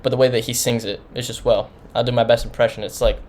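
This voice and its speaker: A man in the middle of his pitch range talks through an album review in a loose, casual way. He rambles and often restarts his sentences. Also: level tone, fast, darkish tone. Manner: rambling, informal, many restarts. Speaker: music reviewer.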